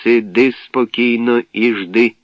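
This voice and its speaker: A man voicing a calm male ship robot that speaks in a measured, clipped, businesslike monotone. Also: medium pitch, no room sound, close to an everyday voice. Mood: flat calm. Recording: dry, dull lo-fi recording.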